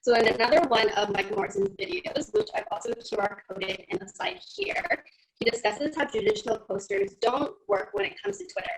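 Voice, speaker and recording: A woman's voice: on the high side, very animated, brisk, vocal fry, rough recording. A woman giving an online conference presentation, explaining slide by slide, her call audio cutting out with static. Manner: explains slide by slide, starting sentences with "so". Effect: audio cutting out with static on a video call. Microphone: computer mic on a video call.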